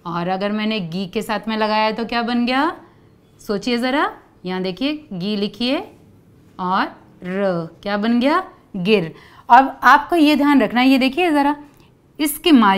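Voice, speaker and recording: Smooth-voiced woman teaching young children. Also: a little high. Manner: stretches syllables and asks kids to repeat; patient, explains step by step. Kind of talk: children's Hindi lesson.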